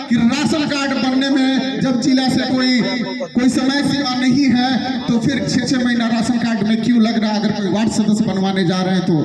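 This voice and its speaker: A man's voice: very high-pitched, far from the mic. A man with a Bihari Hindi accent delivering an impassioned protest speech at an outdoor rally, reciting couplets and challenging officials. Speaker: protest speaker. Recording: very echoey PA sound from afar.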